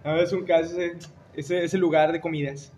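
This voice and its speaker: A young man with a Mexican Spanish accent chatting casually, slangy and quick to laugh. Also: on the high side, level tone, darkish tone. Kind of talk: casual chat.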